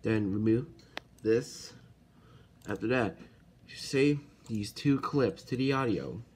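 Indoors at a computer, a man with a lowish voice walks through a software tutorial step by step in a casual, halting way, correcting himself as he goes. It's filmed on a handheld camera or phone pointed at the screen, so the recording is noisy and full of computer clicks.

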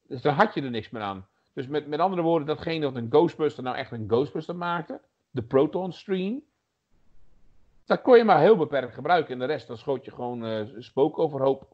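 A man's voice: a little high, expressive, normal speed. Rambling man, muffled lo-fi sound. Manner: rambling, many fillers and restarts. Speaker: podcast co-host. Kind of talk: casual chat about retro games.

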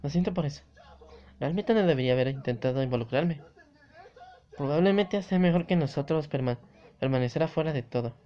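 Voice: medium pitch, a little fast, long pauses, natural voice. Papel: jugador leyendo a chica serena de videojuego, lectura pareja, tono medio. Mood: friendly. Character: calm confident teenage girl, club president. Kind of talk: reading game dialogue aloud. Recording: dull lo-fi recording.

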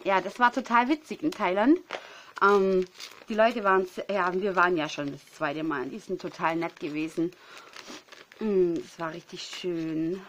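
A woman in her thirties chatting casually at home as she unboxes craft gifts, excitable and gushing, tired and sniffly with a runny nose. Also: medium pitch, a little hiss or hum. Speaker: crafting vlogger.

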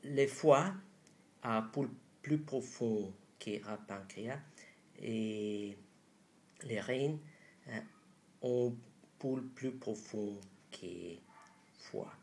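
Very slow, halting man with foreign-accented French. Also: fairly low pitch, gravelly, darkish tone. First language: not French. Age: 30s. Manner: halting, searching for words. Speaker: doctor presenting an acupuncture method. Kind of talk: instructional presentation. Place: small room indoors.

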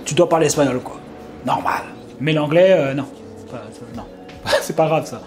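A young Frenchman telling a casual vlog story, rambling with many fillers and restarts and sudden animated outbursts. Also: fairly high pitch, moderate pace, soft background music. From France. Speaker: vlogger.

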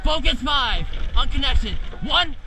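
A man's voice: very high-pitched, expressive, measured pace. A teenage male coxswain calling out urgent, clipped, repeated commands to a rowing crew. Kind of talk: shouted race calls to a rowing crew. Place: outdoors in a racing shell on a lake. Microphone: camera mounted on the boat near the speaker. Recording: action camera outdoors, wind and water noise.

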